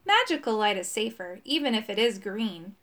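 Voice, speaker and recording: A woman's voice: mid-range voice, big pitch swings, moderate pace, a bit bright. A woman doing a drowsy, cheeky little dragon. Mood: calm. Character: small laid-back male dragon, sleepy and cheeky.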